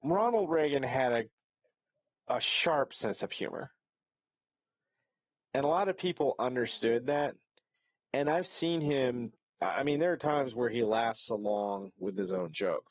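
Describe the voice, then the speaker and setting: A man hosts a reaction video and rambles casually, breaking into his own sentences with fillers. His voice sits at a middle pitch. It sounds dry and close, with a slightly dull, lo-fi tone. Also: expressive, a little slow, pauses often, no echo. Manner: rambling, hesitant, with many fillers.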